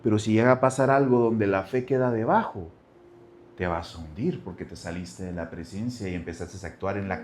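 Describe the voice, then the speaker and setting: Preaching to his congregation, a man pastor speaks to them head-on, repeats phrases, and shifts between hushed low asides and loud outcries. A slight hiss or hum runs under the recording.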